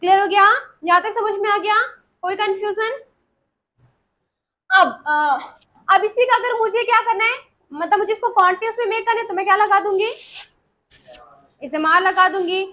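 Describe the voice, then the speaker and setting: High bright-voiced woman teaching English. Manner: slow, deliberate dictation of example sentences; repeats phrases and checks understanding. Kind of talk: classroom grammar lesson.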